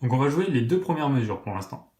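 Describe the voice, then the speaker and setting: A man's voice: medium pitch, sing-song, quick pace, a little mellow. Patient male piano teacher in a roomy space. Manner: patient, methodical explaining, counting notes aloud. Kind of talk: step-by-step piano tutorial. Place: room with a piano. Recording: roomy echo.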